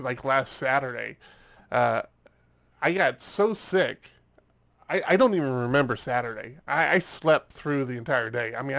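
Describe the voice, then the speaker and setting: This American podcast co-host has a medium-pitched, fairly bright voice. Still congested as he gets over a cold, he rambles through casual chat, repeating words whenever he restarts.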